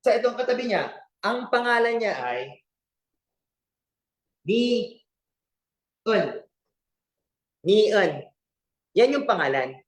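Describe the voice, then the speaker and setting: A man's voice: extremely high pitch, sing-song, normal speed, a bit bright. A man teaching a language class online, who keeps checking in with his students and slips jokes into the lesson. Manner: playful, repeats questions to students, jokes mid-lesson.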